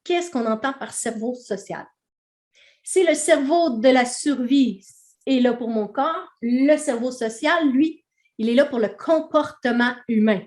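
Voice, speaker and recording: A woman's voice: sits high, a little slow, darkish tone, roomy sound. A woman with a Québécois accent teaching a training session in a conversational way, often checking in with her audience.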